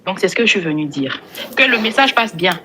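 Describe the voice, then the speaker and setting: A woman's voice: medium pitch, sing-song, a little fast, sharp tone, a little hiss or hum. A woman caller from Côte d'Ivoire with an Ivorian French accent, speaking indignantly and emphatically, often repeating words. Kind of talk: call-in on a live stream.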